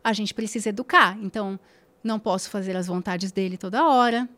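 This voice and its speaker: A woman guest on a podcast speaks casually and with emphasis, repeating phrases to stress them and checking in with tag questions. Her mid-range voice is a little fast and has a fairly bright tone.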